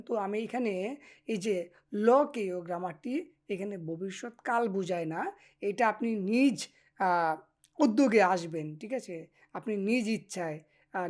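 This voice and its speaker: A woman leads a spoken language lesson. She moves at an unhurried pace, repeats each example phrase a few times and keeps checking that her listeners follow. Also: mid-range voice, a little mellow. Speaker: language teacher.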